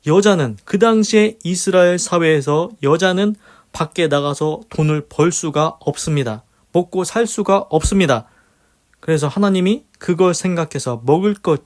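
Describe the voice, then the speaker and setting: Earnest higher-voiced man preaching. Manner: earnest, alternates teaching with spoken prayer; emphatic, repeats key phrases. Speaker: preacher leading a daily devotional. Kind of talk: devotional Bible commentary with prayer.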